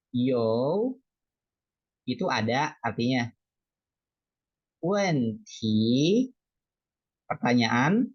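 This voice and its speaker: A woman's voice: extremely low pitch, slightly rough. A woman teaching a beginner Mandarin class online over a video call, encouraging students and calling on them by name. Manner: encouraging, calls on students by name, repeats syllables. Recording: slightly dull lo-fi sound.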